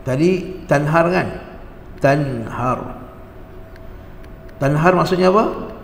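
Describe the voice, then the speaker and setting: A man with a high, gravelly voice teaches a religious class at an unhurried pace, stopping often to quiz his listeners and repeat key words. His voice rings through a reverberant hall with faint noise underneath. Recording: echoey hall with long reverb.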